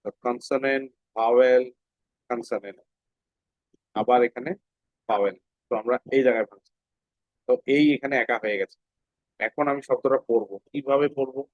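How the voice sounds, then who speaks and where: A man teaching English phonics to children in a classroom, patiently asking questions and then answering them himself, and repeating words slowly. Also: medium pitch, no room sound. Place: classroom with students. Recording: dull, dry lo-fi sound.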